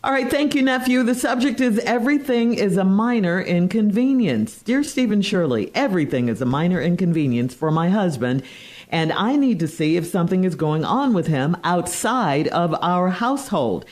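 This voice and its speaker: A woman co-hosting morning radio in DJ style, reading listener letters in a measured, clearly phrased way. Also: on the low side, animated, darkish tone.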